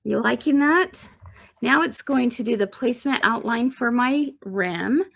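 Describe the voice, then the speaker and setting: With no room sound, a woman in a highish, gravelly, fairly bright voice speaks in an unhurried, expressive way. She is the host of a live embroidery demonstration and sales show, checking in with her audience in an upbeat, casual home shopping style.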